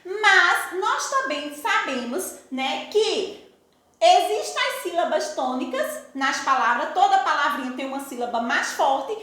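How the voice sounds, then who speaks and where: A woman teacher with a Brazilian Portuguese accent giving a recorded school lesson, stretching out example words slowly and with emphasis. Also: high-pitched, lively intonation, sharp tone. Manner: slow, drawn-out, emphatic over example words. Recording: very echoey room.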